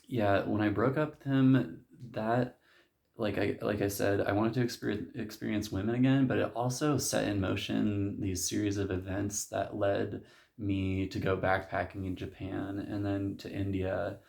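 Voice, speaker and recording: A young man talks through a loose, rambling spiritual monologue for his vlog, leaning on filler words as he goes. His voice sits low with a gravelly fry and stays flat in tone. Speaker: vlogger.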